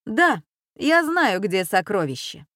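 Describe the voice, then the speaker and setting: A woman voicing a calm, clever boy in glasses who speaks in a measured way. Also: mid-range voice, no echo, clean studio sound.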